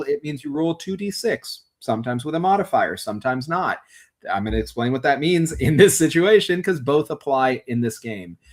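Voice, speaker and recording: A man hosting a livestreamed tabletop game as game master, upbeat and explanatory, addressing the chat directly. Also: mid-range voice. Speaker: game master and stream host.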